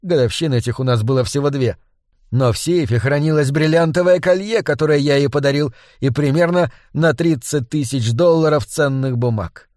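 A man narrating a first-person novel as an audiobook, in a measured, restrained manner. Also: on the high side, a little mellow, dry recording, clean studio sound.

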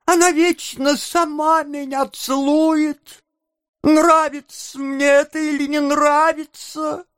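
A whining, cowardly young apprentice, played by a male narrator in an audiobook, his voice pushed up high and plaintive. He wheels up and down as he complains, and the recording is close and dry. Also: big pitch swings, slow pace, dry recording, heavily acted. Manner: whiny, high-pitched and plaintive. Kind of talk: audiobook character voice.

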